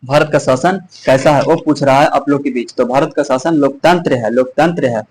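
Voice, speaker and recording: A hoarse man teaches an exam revision lesson as a quiz. He asks each question, answers it, then repeats both. His speech is full of small restarts, and his voice sits at an ordinary middle pitch. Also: normal speed, a little mellow, low-quality recording.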